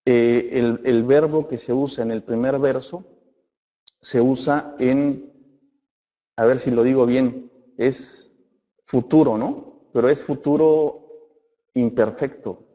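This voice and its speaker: A man's voice: mid-range voice, fairly even intonation. Man teaching a Bible class in a hall. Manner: addresses listeners as brothers, asks checking questions; reads scripture aloud slowly. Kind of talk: church Bible class lecture. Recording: muffled recording in a reverberant hall.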